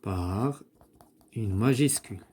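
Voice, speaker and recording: A man teaching a primary-school French grammar lesson, explaining slowly and repeating himself while he writes out the examples. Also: on the low side, mellow, husky. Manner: slow, repetitive explaining with restarts and fillers.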